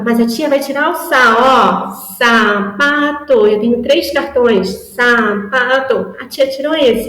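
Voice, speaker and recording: A woman with a Brazilian Portuguese accent giving a didactic teacher training talk, asking rhetorical questions and slowly stretching example words syllable by syllable. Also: fairly high pitch, a bit bright. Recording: roomy echo.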